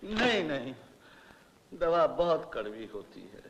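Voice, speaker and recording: A man's voice: on the high side, sing-song, slow, lo-fi sound, noisy background. An actor playing a playful, lonely elderly rich man who teases and laughs in a 1970s Hindi film. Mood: teasing. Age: older. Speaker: wealthy mill owner. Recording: old film soundtrack with long reverb.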